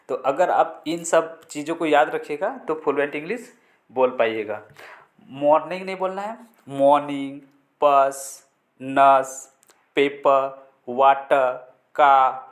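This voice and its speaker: Male tutor, fairly high pitch, patient step-by-step drilling in a classroom-style lesson. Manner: repeats words slowly for drill, explains step by step. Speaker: spoken English teacher.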